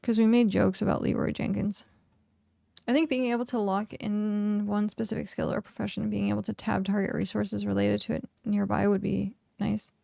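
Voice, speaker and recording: A woman's voice: medium pitch, little pitch movement, moderate pace, creaky, dark tone, no room sound, studio quality. A young woman game streamer chatting casually and rambling, with lots of "like", while she plays. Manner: rambling, chatty, heavy use of "like". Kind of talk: casual live-stream chat while gaming.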